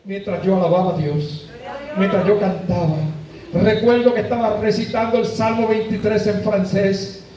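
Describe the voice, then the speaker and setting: A man's voice: high-pitched, steady tone, normal speed, mellow. A man with a Puerto Rican Spanish accent, a pastor giving an emotional sermon testimony in a church. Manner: emotional testimony, tearful at times. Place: church sanctuary. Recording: very echoey church from far off. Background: congregation responding.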